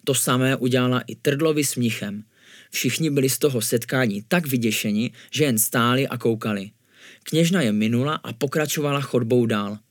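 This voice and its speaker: A man reading a spooky children's story aloud in a calm, even way, his voice sitting at an ordinary middle pitch. The recording is close and dry, with no echo around him. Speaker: narrator. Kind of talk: storybook narration.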